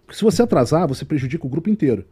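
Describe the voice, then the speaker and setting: A man's voice: on the high side, lively intonation, very fast, mellow, breathy edge. A man with a Brazilian Portuguese accent, a tour guide guest telling a story in casual chat and acting out the dialogue.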